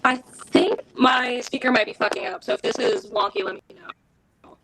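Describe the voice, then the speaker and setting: A woman's voice: high voice, fairly even intonation, normal speed, fairly bright tone. A woman joining a casual panel chat remotely, her voice coming through a crackly, staticky call line.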